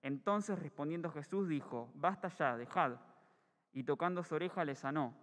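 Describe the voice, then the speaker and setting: A man reading scripture aloud at a church meeting, steady with brief self-corrections. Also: on the high side, normal speed. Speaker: scripture reader. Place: church hall. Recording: echoey church hall.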